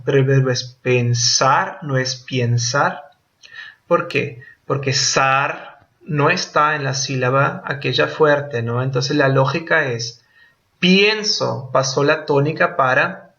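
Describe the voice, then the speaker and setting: A man gives a patient Spanish grammar lesson in a slightly raised voice, pausing often to check that students follow. The audio is dull and lo-fi. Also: fairly high pitch, a bit bright. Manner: patient, checks in often with short tag questions. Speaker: Spanish teacher.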